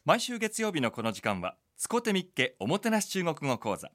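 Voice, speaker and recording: A man as radio announcer, reading a brisk, upbeat introduction for a segment. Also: on the high side, huge pitch swings, fairly bright tone.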